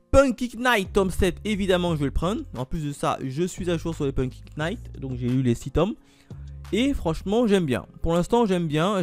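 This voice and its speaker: A manga YouTuber casually runs through upcoming manga releases, reading titles off a list and thinking aloud with many fillers. His voice is a little high with a darkish tone.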